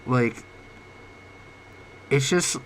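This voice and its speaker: A sick young male vlogger rambles through a late-night personal talk, halting often, using many fillers, and his voice cracking. His home microphone gives uneven volume, with a little hiss or hum in the background.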